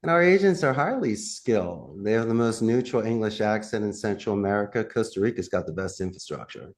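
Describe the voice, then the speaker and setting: Speaking briskly, this man with a Philly accent runs a call center and gives emphatic, energetic interview responses. His pitch jumps around a lot, and he laughs often.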